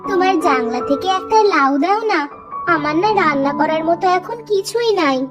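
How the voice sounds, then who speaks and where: A woman's voice: very high-pitched, expressive, normal speed. A woman voicing a poor young village wife who asks politely for help. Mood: pleading. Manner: pleading, polite. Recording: loud background music.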